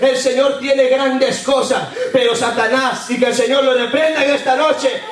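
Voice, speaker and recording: A man preaching a sermon in a church, impassioned and repetitive, his voice rising into shouts. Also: very high voice, steady tone, normal speed, a crowd in the background. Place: church hall. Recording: echoey hall from far off.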